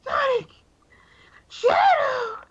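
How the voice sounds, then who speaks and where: A man voicing a frightened young female pink hedgehog, high and pleading in a fan-fiction reading. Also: very slow, fairly bright tone, muffled recording, heavily acted. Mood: crying out. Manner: breathless, pleading, high-pitched.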